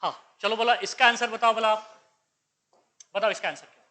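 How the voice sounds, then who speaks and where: A man with a high, very bright and sharp voice lectures on chemistry. He keeps quizzing his students, asking each question twice and answering it himself. He slips English science terms into his explanations. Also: fairly even intonation, moderate pace. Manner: quizzing students with repeated questions, calls them beta. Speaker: chemistry teacher. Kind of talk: exam paper discussion lecture.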